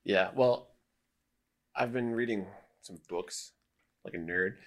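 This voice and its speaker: A man's voice: on the low side, slow. A thirty-year-old man co-hosting a casual podcast chat, with dry, self-deprecating humor. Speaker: podcast co-host.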